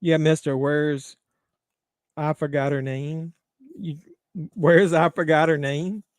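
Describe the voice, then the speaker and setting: A man's voice: on the high side, steady tone, slow pace, no room sound, studio quality. Joking man hosting a livestream. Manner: crude, joking banter with chat. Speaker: livestream host. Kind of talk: casual watch-along chat.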